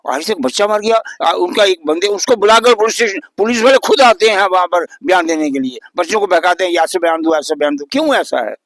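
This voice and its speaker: A man's voice: high voice, animated, fairly quick, hardly any pauses, a bit bright, dry recording. A man of about eighty giving a news interview as a local resident, earnest and indignant, repeating his points for emphasis. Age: 80s.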